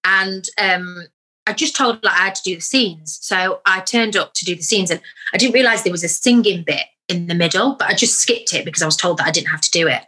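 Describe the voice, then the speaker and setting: A woman's voice: lowish voice, brisk, sharp tone, slightly rough. A young woman, an actor, chatting candidly in an interview and telling stories about herself with self-deprecating humour. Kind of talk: casual interview chat.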